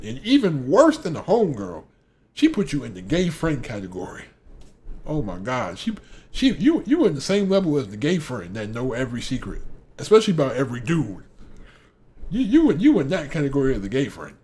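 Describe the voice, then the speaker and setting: A man's voice: medium pitch, a little mellow. A young man ranting casually to camera, preachy, repeating phrases and acting out other people's voices. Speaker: vlogger giving life advice.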